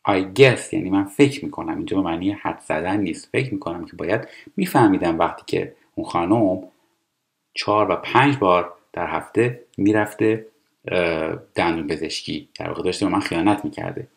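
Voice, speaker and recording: A man teaching English, explaining TV dialogue line by line and reading English phrases slowly and carefully. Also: low-pitched, vocal fry. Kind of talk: language lesson explaining TV dialogue.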